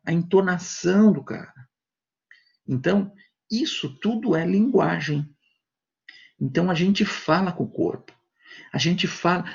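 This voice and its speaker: A Brazilian man lectures to students over a video call, his fairly high voice gravelly and husky. He talks conversationally and slips into acted-out voices for his examples. The sound is dull and lo-fi. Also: darkish tone. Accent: Brazilian Portuguese. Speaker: university lecturer. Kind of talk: online class lecture.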